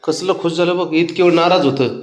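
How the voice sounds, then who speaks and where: A man's voice: on the high side, fairly quick, reverberant. Man coaxing his cat in teasing pet talk. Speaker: cat owner.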